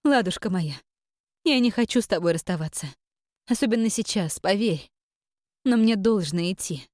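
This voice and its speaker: A woman voicing a tender mother who gently and firmly comforts her frightened daughter. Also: medium pitch, animated, moderate pace, dry recording, studio quality, close to an everyday voice. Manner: soft, soothing, quietly firm.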